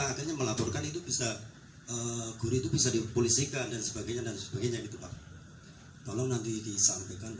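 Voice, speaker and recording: A man who is a neighborhood unit head and a teacher, earnestly putting a question to a police officer at a community meeting. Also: mid-range voice. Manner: earnest, repeatedly addresses the officer as Pak. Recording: echoey room with clear background noise.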